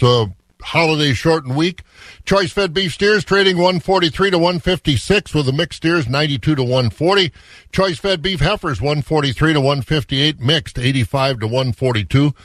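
A man's voice: medium pitch, fairly bright tone, no room sound. An American man hosting a radio farm report in a conversational, off-the-cuff way. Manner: conversational, unscripted asides. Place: radio studio.

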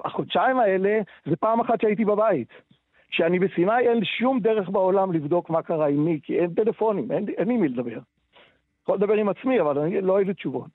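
A man in his sixties from Tel Aviv, a radio interview guest recalling the war in a halting way, retelling conversations with many hesitations. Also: high voice, dry recording. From Israel, Tel Aviv. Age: 60s. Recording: dry, tinny phone line.

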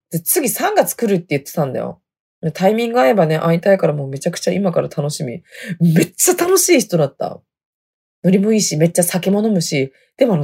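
Woman rambling on her podcast, husky voice, swings up and down a lot. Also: on the low side, warm tone. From Hokkaido. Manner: chatty, laughs often, dialect sentence endings. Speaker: podcast host. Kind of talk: casual storytelling chat.

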